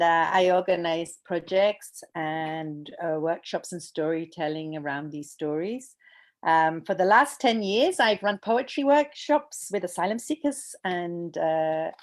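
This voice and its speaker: Hesitant woman on a video call. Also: on the low side. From United Kingdom. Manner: hesitant, many uh and um fillers. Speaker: poet and children's author. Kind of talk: self-introduction at a presentation.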